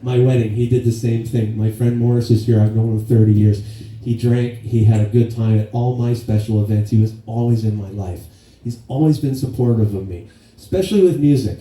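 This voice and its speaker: A man's voice: mid-range voice, mellow. A man in his fifties giving a eulogy for his father, telling stories in a plainspoken, casual way with some swearing. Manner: storytelling with laughs and acted quotes. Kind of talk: eulogy speech. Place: memorial gathering in a hall. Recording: echoey hall, from far off.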